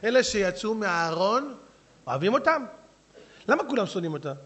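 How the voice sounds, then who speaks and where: A male rabbi preaches with a high, animated voice that swings widely in pitch. He addresses his listeners directly, acting out the people he describes as he makes each point. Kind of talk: sermon.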